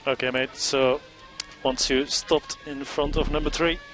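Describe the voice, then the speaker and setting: A man's voice: mid-range voice, fairly even intonation, measured pace, fairly bright tone, faint music behind, low-quality recording. A man working as a race engineer, giving procedural, matey instructions to his driver over race car team radio. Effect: team radio transmission.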